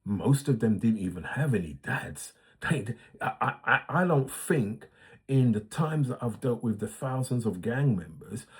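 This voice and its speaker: A man's voice: mid-range voice, darkish tone, husky. A man in his sixties hosting his own series, talking earnestly and reflectively with frequent fillers and restarts. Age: 60s. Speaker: host. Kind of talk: casual monologue.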